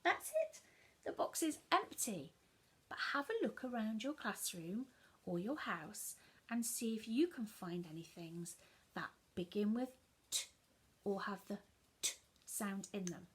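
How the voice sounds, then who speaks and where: A woman teaching a children's phonics lesson, sounding out letters slowly and coaxing listeners to repeat words. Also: mid-range voice, expressive, breathy edge.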